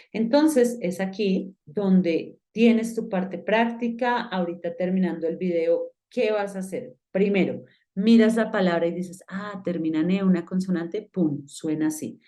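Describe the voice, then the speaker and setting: Warm-voiced woman teaching a lesson. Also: mid-range voice. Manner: explains step by step, asking the student direct questions. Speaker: English teacher. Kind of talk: online lesson.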